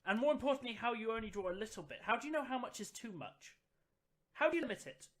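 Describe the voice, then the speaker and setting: A man's voice: very high-pitched, expressive, fast talker. A man running a tabletop game as game master, narrating with playful jokes.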